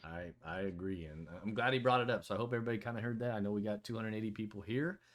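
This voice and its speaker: A man with a somewhat low voice hosts a casual online voice chat. He talks in a loose, rambling way, full of fillers and restarts. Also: steady tone, very fast. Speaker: host of a community AMA.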